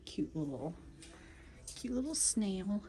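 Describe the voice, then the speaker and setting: A woman vlogging as she browses a thrift store for vintage pieces to resell, often whispering excitedly to the items. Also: mid-range voice, slow. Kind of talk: thrift store vlog narration.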